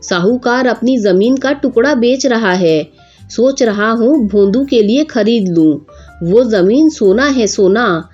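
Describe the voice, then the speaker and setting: A woman's voice: on the high side, takes it slowly, a little mellow, dull audio, faint music behind. A woman doing a stern village father.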